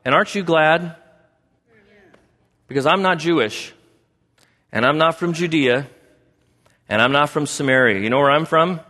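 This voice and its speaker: Pastor preaching in a reverberant hall. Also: male voice, on the high side, normal speed, long pauses, bright, forceful tone. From United States. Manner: conversational preaching, often asks the congregation questions. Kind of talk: sermon.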